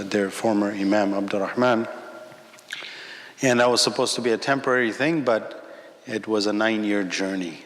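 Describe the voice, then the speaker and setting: A man's voice: lowish voice, fairly bright tone. A young man from Afghanistan speaking as a panel guest, earnest and reflective, with filler ums. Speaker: panel guest, former prayer leader. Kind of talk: personal testimony on a panel. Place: conference hall. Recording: long hall reverb.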